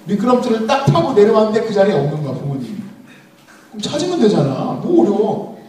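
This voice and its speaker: A man's voice: high voice, big pitch swings, quick pace, mellow. A man around thirty giving a sermon, telling a funny personal story and speaking straight to his listeners. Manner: humorous storytelling, addressing the audience directly. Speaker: preacher. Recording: echoey hall, mic at a distance.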